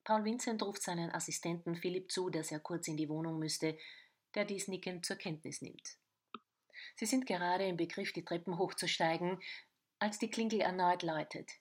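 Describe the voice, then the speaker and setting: A woman reads a short crime serial aloud, her voice sitting somewhat low. She tells the story and slips into the characters' lines, sometimes dropping into a whisper. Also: normal speed. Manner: reads dialogue in varied voices, some whispered. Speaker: narrator. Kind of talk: storybook narration with voiced dialogue.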